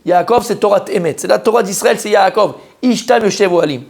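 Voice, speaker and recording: A rabbi teaches a weekly Torah class to a live group in a gravelly, somewhat high voice. He is animated and emphatic, quizzes his listeners and repeats key words over and over. Each point lands with force. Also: a little fast.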